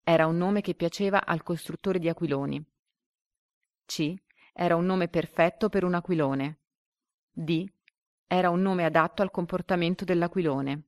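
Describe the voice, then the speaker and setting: Low-voiced woman reading a lesson aloud. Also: darkish tone, no room sound, studio quality. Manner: slow and deliberate when reading quiz options. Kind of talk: reading a story and a comprehension quiz aloud.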